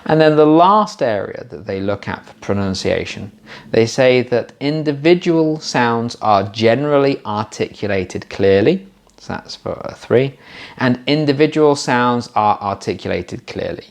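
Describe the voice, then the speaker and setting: A man's voice: mid-range voice, animated, unhurried. A man teaching exam pronunciation in a patient, explanatory way, showing how stress and intonation work. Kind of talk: explanatory lesson.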